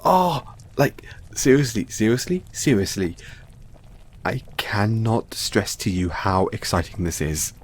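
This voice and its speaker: A man delivers an audio roleplay as a theatrical, affectionate mad scientist boyfriend, coaxing the listener along in a giddy, excited mood. His fairly low voice runs a little slow, over a little hiss or hum.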